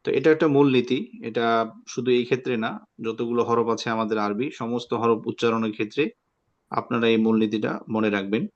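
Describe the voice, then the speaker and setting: A man's voice: mid-range voice, lo-fi sound. A man teaching an online Quran reading class, patiently explaining and repeating each letter sound for students to copy.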